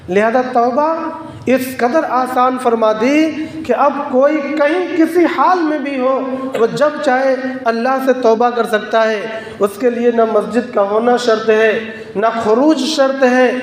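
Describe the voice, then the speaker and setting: A man with a very high voice delivers a sermon in a measured, emphatic manner and repeats phrases for weight. His voice rings through a roomy space with a long reverb tail. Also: slight background noise. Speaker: Islamic preacher. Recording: echoey hall with long reverb.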